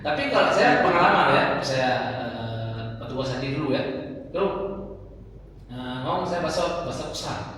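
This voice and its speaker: A man's voice: mid-range voice, expressive, normal speed, a bit bright. A man teaching an Arabic class, joking and imitating Arabic dialects, recorded from afar in a mosque hall. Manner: jokey, mimics Arabic dialects. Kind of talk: classroom lesson. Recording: echoey hall, distant mic, faint hiss.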